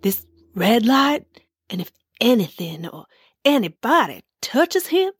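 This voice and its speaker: A woman's voice: a little high, big pitch swings, slow pace, slightly rough, dry recording, clean studio sound, faint music behind, exaggerated voice. Woman as a chatty Christmas bauble. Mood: eager storytelling. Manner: chatty, matter-of-fact storytelling. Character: chatty, friendly female Christmas ball ornament, newcomer. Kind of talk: children's audio drama acting.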